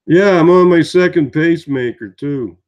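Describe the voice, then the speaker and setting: On lo-fi audio, a fairly high, slightly mellow male voice talks at normal speed. He's a sixty-something vlogger, sounding tired as he rambles through a casual story peppered with fillers.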